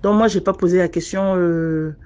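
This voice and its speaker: A woman telling her own story in a casual, earnest way. She often pauses and restarts as she talks. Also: fairly low pitch, fairly even intonation, warm tone, clear, resonant tone, lo-fi sound. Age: adult mother. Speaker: listener sharing a personal testimony. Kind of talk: casual first-person storytelling.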